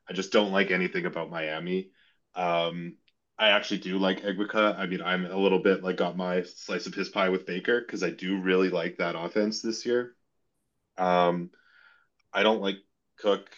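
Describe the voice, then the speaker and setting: Casting: deep-voiced podcast panelist, indecisive and wavering, muffled sound. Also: male voice, a bit bright. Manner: wavering, second-guessing himself. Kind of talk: casual fantasy sports chat. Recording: dull lo-fi sound.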